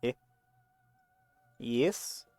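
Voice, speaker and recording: A man narrating a tabletop game as game master in a halting, informal, slangy way. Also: dark tone, no room sound, soft background music.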